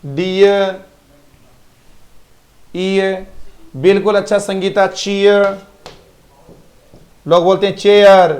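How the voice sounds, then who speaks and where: Slow, high-voiced Indian English teacher. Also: male voice, little pitch movement, darkish tone. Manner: repeats each word slowly, praises students by name. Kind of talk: live online pronunciation class.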